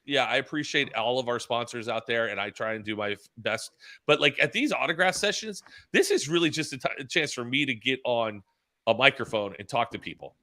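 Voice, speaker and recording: A man co-hosting a casual podcast, telling animated stories and acting out what people said, laughing often. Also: medium pitch, fairly quick. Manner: animated storyteller, acts out quotes, laughs often. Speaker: podcast co-host and track announcer. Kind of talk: casual chat, storytelling.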